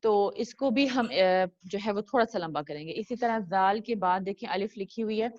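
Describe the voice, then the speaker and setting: A woman teaching a recitation lesson over a video call, modeling words slowly and patiently for a student to repeat. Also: mid-range voice, darkish tone, dry recording, highs cut off. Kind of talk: online tajweed lesson.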